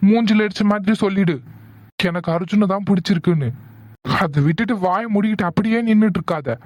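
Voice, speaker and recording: A man voicing a hot-headed young man in a cartoon, insistent and quick to anger, then soothing his sweetheart. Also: sits high, darkish tone, no room sound, natural voice. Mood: angry. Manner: insistent, shifts from angry to soothing. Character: hot-tempered young man in love, teasing. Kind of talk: cartoon voice acting.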